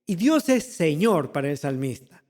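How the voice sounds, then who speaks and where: A man preaching a sermon as pastor, slowly and deliberately, repeating key phrases and asking the congregation rhetorical questions. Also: a little high, sing-song, a little mellow, in a large hall. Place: church.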